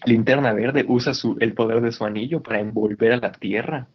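A man's voice: mid-range voice, fairly even intonation, fairly quick, lo-fi sound, a little hiss or hum. A man, chatting casually and animatedly over a call, full of slang and restarts. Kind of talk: casual chat. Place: indoors in Canada.

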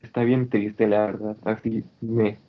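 A man's voice: on the low side, flat delivery, measured pace, narrow, tinny audio. A man, chatting casually and animatedly over a call, full of slang and restarts. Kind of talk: casual chat. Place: indoors in Canada.

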